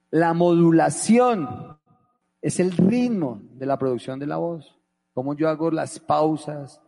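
A man giving a lesson on voice technique, raising and lowering his voice to demonstrate and asking his listeners questions. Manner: shifts loudness and pitch to demonstrate; asks the audience questions. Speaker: voice coach. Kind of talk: lecture on voice technique.

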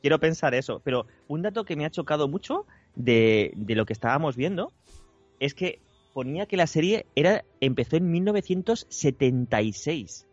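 A man's voice: on the high side, sing-song, normal speed, no room sound, faint music behind. A man co-hosting a casual podcast, joking around in a playful way and fond of making silly noises. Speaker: podcast co-host. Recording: dull, dry audio.

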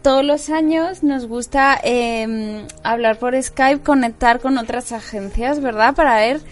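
A woman's voice: fairly high pitch, measured pace. A woman playing a real estate agent in a comedy sketch, chatty and upbeat.

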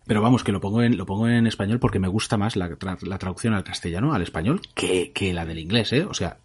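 A man's voice: on the low side, fast, a little mellow, slightly rough. A man from co-hosting a podcast, chatting casually and hesitantly, restarting his sentences as he thinks aloud. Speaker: podcast co-host. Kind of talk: casual chat about video games.

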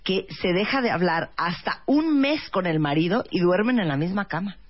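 A woman with a Mexican accent hosting a radio talk show, chatting lively with listeners and co-hosts. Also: on the low side, moderate pace, breathy edge. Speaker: radio host. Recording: slightly muffled radio broadcast.

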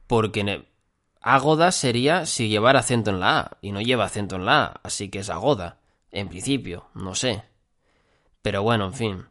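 A man from hosting a casual solo podcast, rambling and often tacking on quick check-ins with his listeners. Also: on the low side, fairly bright tone. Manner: rambling, full of fillers and "¿vale?" check-ins. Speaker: podcast host.

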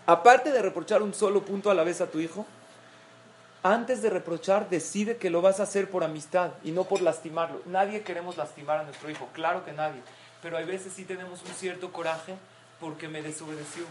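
A woman's voice: fairly low pitch, a little fast, a little mellow, slight background noise. A middle-aged woman giving a parenting talk to a group of mothers, explaining points and acting out example quotes. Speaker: parenting class speaker.

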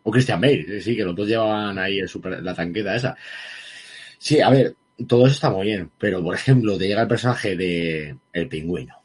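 A man's voice: low voice, fairly quick, husky. A man co-hosting a casual film review chat, heated and emphatic, swearing freely. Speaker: podcast co-host reviewing a film.

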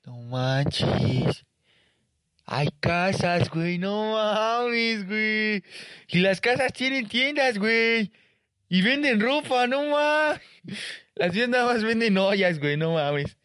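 A man's voice: high-pitched, lively intonation, a bit bright, smooth, no echo, voice pushed up, heavily acted. A man voicing an amazed young Mexican visiting the city for the first time. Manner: amazed, drawn-out.

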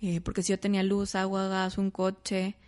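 Speaking at a normal speed with a medium pitch, this young woman from Mexico shares her life story as an interview guest. She's an animated narrator who performs her relatives' quoted lines in their own voices.

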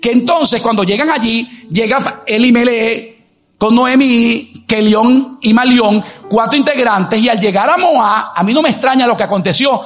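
High-voiced man preaching. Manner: emphatic preaching with rhetorical questions and exclamations; married. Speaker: pastor. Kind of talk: sermon.

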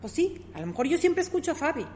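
A woman's voice: sits high, very animated, fast talker, darkish tone, long reverb tail. A middle-aged woman who explains ideas in a conversational teaching style, working through examples and often checking "¿sí?" with her listener.

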